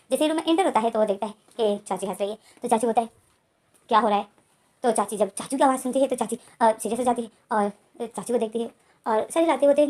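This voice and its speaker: Woman narrating a fan story super fast, kinda high voice, run-on sentences. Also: a little mellow.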